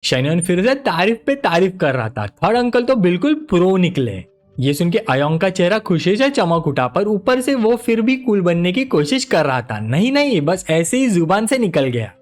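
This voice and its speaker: A man narrates a story recap in a high, animated voice that rises and falls with the drama. He sounds like a storyteller, and faint music plays beneath him. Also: normal speed. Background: faint background music.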